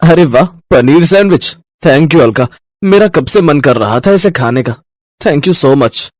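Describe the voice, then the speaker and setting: Woman putting on a lower voice for a happy young husband, slow and pleased. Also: animated, darkish tone, no echo, studio quality. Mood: delighted. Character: cheerful young husband, then sneezing.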